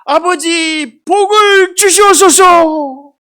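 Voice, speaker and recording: A woman voicing a desperate elder son who begs his father in high, pleading cries. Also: slow, fairly bright tone, exaggerated voice.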